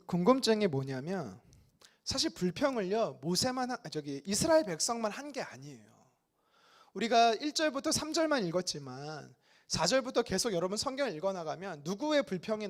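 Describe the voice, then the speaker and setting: A male pastor preaches in a high, bright-pitched voice that rises and falls a lot. He talks to the congregation in a conversational way and slips into complaining voices to act out the people in the text. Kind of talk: sermon. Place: church sanctuary.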